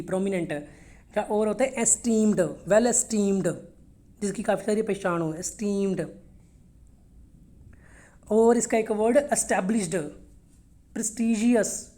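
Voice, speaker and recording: A woman's voice: medium pitch, unhurried, pauses often, mellow. A woman teaching English vocabulary for a test, explaining words in Hindi mixed with English, repeating each one for pronunciation and checking in with "okay?". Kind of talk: vocabulary lesson for test prep.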